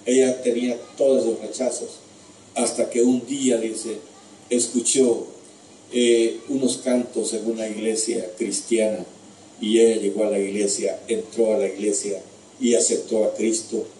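A man's voice: lowish voice, little pitch movement, measured pace, mellow, far from the mic, slight background noise. Man preaching in an echoey room. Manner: storytelling, addressing listeners as brothers. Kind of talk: sermon.

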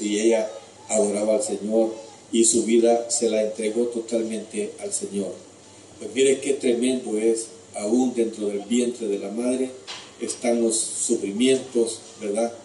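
A man's voice: fairly low pitch, flat delivery, a little slow, mellow, a little hiss or hum. A man preaching a sermon as a storyteller, addressing his listeners as brothers. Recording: echoey room from far off.

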